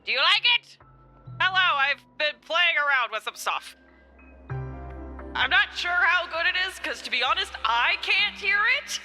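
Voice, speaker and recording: A woman's voice: very high voice, animated, measured pace, pushed and bright, long reverb tail, soft background music. A woman streaming a game and chatting casually with viewers, with her voice run through a voice changer. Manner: playful, chatty, greets viewers one by one. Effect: voice changer shifting the voice up. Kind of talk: casual live stream chat.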